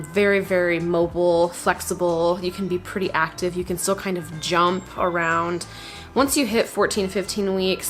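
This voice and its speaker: A woman's voice: lowish voice, a bit bright. A heavily pregnant young woman talking casually to camera as a fitness vlogger, explaining things in an informal, conversational way. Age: young adult. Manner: conversational, informal, peppered with "like" and "you know". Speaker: fitness vlogger, workout demonstrator. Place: small home garage gym, indoors.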